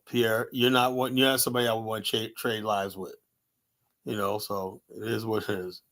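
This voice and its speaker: A man's voice: mid-range voice, fairly bright tone. Blunt, profane man. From United States. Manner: blunt, profane, argumentative, with frequent "you know" fillers. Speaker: host. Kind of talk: combative live-stream commentary.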